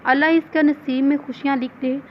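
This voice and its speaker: A caring middle-aged mother speaks tenderly and prays for her daughter, as a woman narrator reads her in a high voice. The recording is slightly dull with faint hiss. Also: steady tone, brisk, natural voice. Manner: tender and prayerful.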